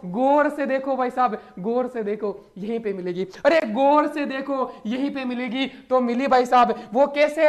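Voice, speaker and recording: Lively man teaching exam tricks. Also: high voice. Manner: theatrical, repeats words, speaks in little acted-out voices. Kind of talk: animated exam-prep lesson.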